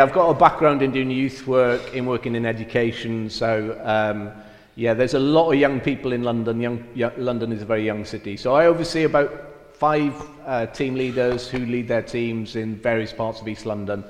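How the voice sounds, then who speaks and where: A middle-aged Welshman whose accent mixes Welsh and Cockney, a mission field director, chats self-deprecatingly with lots of fillers during a church interview. His voice is medium-pitched at a normal speed, recorded in an echoey church hall with long reverb.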